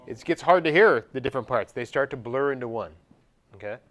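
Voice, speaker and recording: A man teaches a music class in an expressive, fairly bright mid-range voice, talking a little fast. In this classroom lecture he quizzes the students and scats short parts to illustrate his points.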